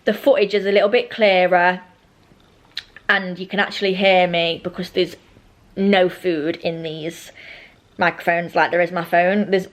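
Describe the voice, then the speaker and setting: In her casual vlog, a young British woman talks at an unhurried pace, her lowish voice steady in tone. She rambles and interrupts herself informally, and her braces with elastic bands make her speech slightly slushy.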